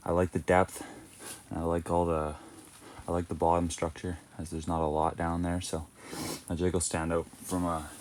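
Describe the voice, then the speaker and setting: A man giving casual, slangy fishing vlog commentary in a laid-back way, recorded on location. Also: low-pitched. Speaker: fishing vlogger. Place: inside an ice fishing tent and outdoors on a lake. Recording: noisy outdoor ice fishing recording.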